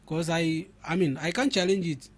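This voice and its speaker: With a slightly high voice, a steady tone and a moderate pace, a young man speaking Ghanaian English argues his case emphatically as a radio talk show guest. He frequently repeats words while developing each point.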